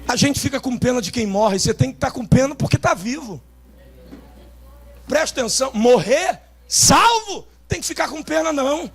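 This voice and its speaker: A man with a Carioca accent preaching a revival sermon, shouting with great force and dropping now and then into quieter asides. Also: very high-pitched, animated, normal speed, husky. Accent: Carioca Portuguese. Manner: shouts with great intensity, swinging between loud bursts and softer asides. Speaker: pastor. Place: outdoor rooftop church service.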